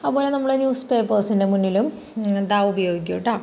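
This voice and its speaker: A woman's voice: mid-range voice, fast talker, gravelly, mellow, slight background noise. A woman teaching grammar for an exam, explaining step by step through many examples and checking in with tag questions. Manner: frequent fillers and tag questions. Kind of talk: English grammar lesson explained in Malayalam.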